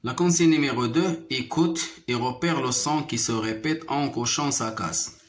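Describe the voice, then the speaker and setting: A man with a Moroccan accent teaching a French phonics lesson, repeating each word slowly and carefully. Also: medium pitch. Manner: slow, deliberate syllable-by-syllable repetition. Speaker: primary school French teacher.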